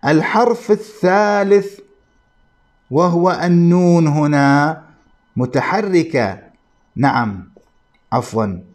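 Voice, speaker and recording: A male grammar teacher with a somewhat high voice lectures at an unhurried pace. He spells out each point deliberately and repeats terms for his class. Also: a little mellow. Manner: slow, deliberate explaining with repetition, addressing students.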